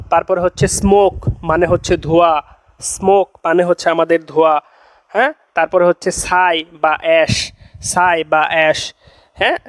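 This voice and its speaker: A man's voice: a little high, no room sound. A young man teaching a chemistry class to exam students, repeating each phrase two or three times and often checking in with them. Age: young adult. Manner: coaxing, checks in with "okay?" and "see". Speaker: admission-test tutor.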